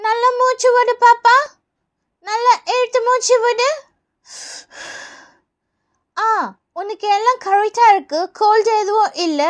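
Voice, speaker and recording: A woman voicing a patient, gentle school nurse who calms scared children, in a doll play. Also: extremely high pitch, measured pace, long pauses. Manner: soothing, patient.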